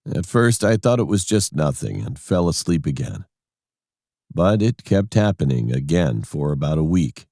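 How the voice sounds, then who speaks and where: A man's voice: deep voice, sing-song, normal speed, warm tone, dry recording, clean studio sound. A man narrating a scary personal story in a plain, matter-of-fact way.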